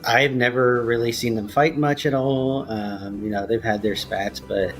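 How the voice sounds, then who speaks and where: A man's voice: medium pitch, steady tone, a little slow, faint music behind. A man in his thirties from Texas, speaking casually in a documentary interview with frequent ums. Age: 30s. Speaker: interviewee, son.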